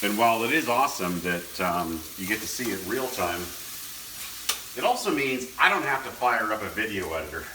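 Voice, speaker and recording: Male home-cook host, deep register, folksy and rambling, off-mic with sizzling pan noise. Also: big pitch swings, normal speed. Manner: folksy, rambling, self-deprecating. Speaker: home cook hosting a cooking video. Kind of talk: casual unedited cooking commentary. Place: indoor kitchen. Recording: roomy, distant mic, noisy frying sizzle. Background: food sizzling in a pan.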